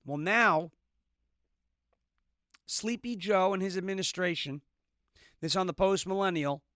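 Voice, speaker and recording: A man's voice: on the high side, fairly bright tone, clear, resonant tone, no room sound, clean studio sound. A man in his early thirties guest-hosting a political commentary show with a sarcastic, snarky delivery. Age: 30s. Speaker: guest host.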